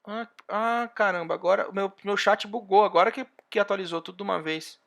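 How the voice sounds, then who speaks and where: A man's voice: high-pitched, a little fast, gravelly, a bit bright. A man with a Brazilian accent teaching an online university class, working through an example step by step. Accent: Brazilian Portuguese. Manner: explains step by step, often pointing with "ó". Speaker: university lecturer.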